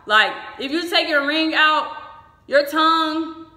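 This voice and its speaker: A woman's voice: high-pitched, slow, sharp tone. A woman chatting informally and frankly, giving casual advice as a vlogger. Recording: echoey room.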